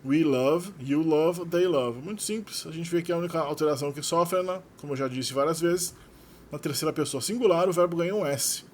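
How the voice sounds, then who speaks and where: A man's voice: on the high side, fairly quick, a little mellow, slight background noise. A Brazilian man whose first language is Portuguese, patiently explaining English verb forms in a lesson. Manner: patient, explanatory, reading out example verbs. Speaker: English teacher.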